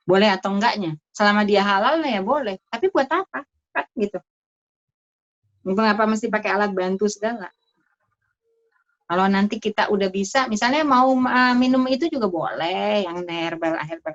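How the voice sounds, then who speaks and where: Middle-aged woman doctor, mid-pitched, chatty and lively teaching voice, slightly muffled lo-fi sound. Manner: chatty, laughing, lively asides. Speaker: doctor giving premarital health education. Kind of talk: casual educational talk to an audience. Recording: dull lo-fi sound.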